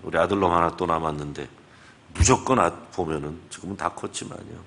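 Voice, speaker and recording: A man's voice: sits low, a little fast, creaky. A man in his fifties, a guest pastor, preaching a revival sermon and acting out the conversations in his stories. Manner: animated storytelling, acting out conversations. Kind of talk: revival sermon with retold dialogue. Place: church sanctuary.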